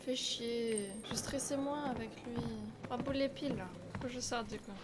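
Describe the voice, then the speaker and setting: A young woman doing casual, slangy live commentary on a horror game, jumpy and quick to swear. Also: on the high side, steady tone, very noisy. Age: young adult. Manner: jumpy, profane, screams when scared. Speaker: game streamer. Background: horror game music and sounds.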